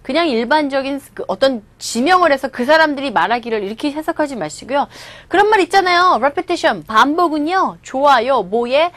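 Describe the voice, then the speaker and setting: A woman teaching English through movie lines. She explains each phrase, repeats it slowly and acts out the lines. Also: high-pitched, animated, fairly bright tone, dry recording.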